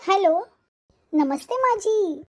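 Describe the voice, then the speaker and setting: A voice actor playing a respectful elder daughter-in-law who speaks softly and pleadingly in an animated moral story. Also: extremely high pitch, slow pace, very noisy, exaggerated voice.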